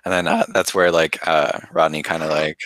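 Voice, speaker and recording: A man's voice: extremely low pitch, level tone, normal speed, fairly bright tone, no room sound. A man narrating his character in a tabletop game, rambling with lots of fillers. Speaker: player.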